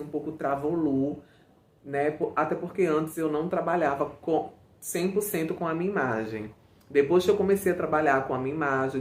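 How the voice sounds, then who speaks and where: Chatty woman telling a story in a roomy echo. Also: low-pitched. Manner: chatty, expressive, addresses viewers often, slangy. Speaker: vlogger. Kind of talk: casual storytelling to viewers.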